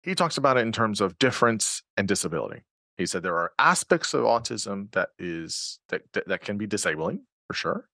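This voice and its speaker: Male host for a conversational interview: dry close sound, animated delivery, lots of "um" and restarts. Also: on the low side, fairly quick, no room sound. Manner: thinks aloud with many fillers and restarts. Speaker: podcast host.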